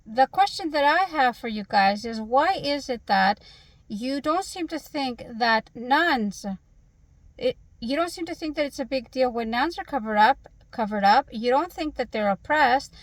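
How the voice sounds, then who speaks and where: Speaking in a high, animated voice at normal speed, a woman from Canada fields viewer questions in a direct-to-camera monologue. Her manner is earnest and emphatic, full of rhetorical questions, and the recording is dry.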